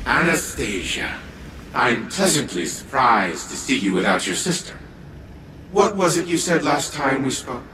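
A man's voice: medium pitch, sing-song, a little slow, over a noisy crowd. An actor voicing an arrogant, condescending older male scientist and family patriarch in a game cutscene, with a smug, drawling delivery. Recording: game dialogue over loud music. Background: music.

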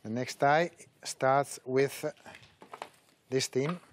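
A middle-aged man announces a sports draw at a mid pitch, pausing often with hesitant fillers. There is a faint hiss under his voice. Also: fairly even intonation. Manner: halting, with frequent "uh" pauses. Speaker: draw host. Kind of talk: presenting a live tournament draw.

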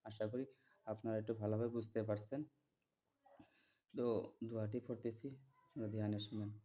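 A man teaching listeners to memorize prayers, chanting each word slowly and repeating it, then explaining plainly and checking that they follow. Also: lowish voice, flat delivery, dark tone. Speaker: religious teacher.

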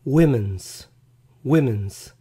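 A male teacher running a vocabulary quiz lesson, repeating each English word slowly and carefully, his voice not fully recovered. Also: medium pitch, lively intonation, mellow, husky.

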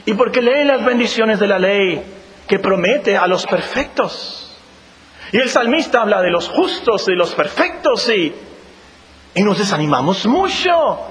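A man's voice: very high-pitched, fairly bright tone. A man preaching a sermon as pastor, speaking straight to his congregation and driving points home with repetition. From Mexico. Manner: preaching with emphatic repetition, addressing the congregation directly. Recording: long hall reverb, faint hiss.

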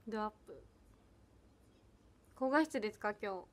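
A woman's voice: mid-range voice, expressive, normal speed, a little hiss or hum. A young woman, chatting casually on a livestream, giggly and chatty as she reads comments and thanks viewers. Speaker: idol livestreamer.

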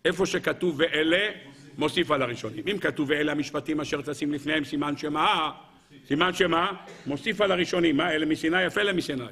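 Rabbi guy doing his torah class, high sharp voice, keeps asking then answering his own questions. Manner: rhetorical questions, repeated and answered; addresses listeners as gentlemen. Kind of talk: weekly Torah lesson.

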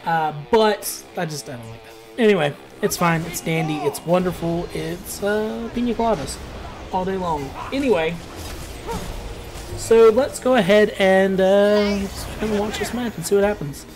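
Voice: medium pitch, normal speed, a little mellow, faint music behind. A gameplay commentator talking casually over a match, rambling and ranting with plenty of filler words. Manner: rambling, ranty, laid-back with filler words.

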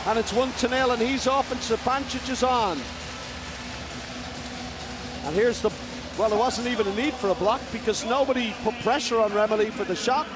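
A man giving live handball commentary in short, emphatic, excitable phrases. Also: very high voice, normal speed, pauses often, over music. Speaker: sports commentator. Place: large indoor sports arena with crowd.

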